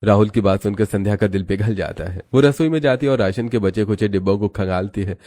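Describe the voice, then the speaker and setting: A man narrating a cartoon story in a steady, even storytelling voice. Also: on the low side, fast talker.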